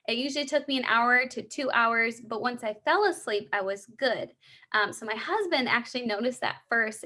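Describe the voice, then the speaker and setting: A woman's voice: fairly high pitch, pushed and bright. A young woman in a three-way phone call sales role-play, explaining and encouraging in an upbeat, conversational way. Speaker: supplement sales consultant.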